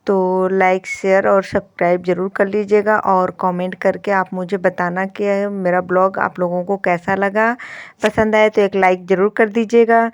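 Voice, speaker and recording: A woman's voice: mid-range voice, smooth, no room sound. A woman, chatting homely to viewers through her daily-routine vlog. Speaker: vlogger, housewife.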